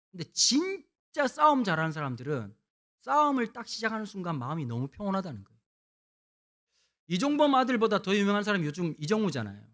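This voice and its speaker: A middle-aged man from Busan, preaching a lively revival sermon with humorous storytelling, swinging between hushed and loud. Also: sits high. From Busan, South Korea. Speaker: guest pastor.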